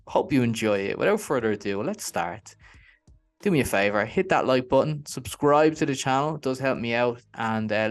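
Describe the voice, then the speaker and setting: Chatty male interview host. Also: medium pitch. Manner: friendly, chatty, upbeat. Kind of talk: casual interview.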